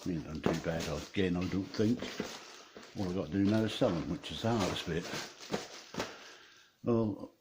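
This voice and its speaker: A man from Norfolk with a low-pitched voice and an East Anglian accent. He rambles casually as host of a small video channel, laid-back and full of everyday dialect grammar. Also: normal speed, long pauses, background noise. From Norfolk, England. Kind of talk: casual rambling vlog chat and joke-telling.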